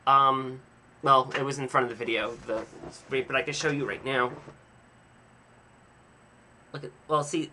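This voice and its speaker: Bright-voiced chatty young man vlogging. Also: mid-range voice. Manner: chatty, animated, self-mocking. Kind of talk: casual rambling storytelling.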